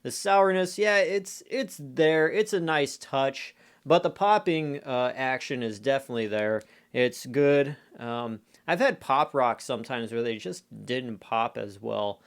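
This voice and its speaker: A man's voice: medium pitch, a little slow. A man giving a casual food review in a rambling, conversational way, often dropping in filler phrases like "you know". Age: adult. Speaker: candy reviewer.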